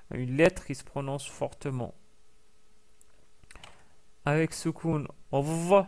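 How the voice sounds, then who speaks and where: Slow, hesitant male language teacher. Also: medium pitch, clear, resonant tone. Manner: slow, hesitant explaining with many fillers and restarts; carefully over-articulates sounds being taught. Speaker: Arabic teacher. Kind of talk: recorded language lesson.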